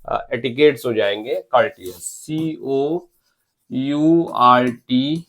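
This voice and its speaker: A man's voice: mid-range voice, drawn-out words, a bit bright. A man teaching English spelling for exams, spelling words letter by letter and urging viewers to comment. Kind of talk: exam-prep spelling lecture.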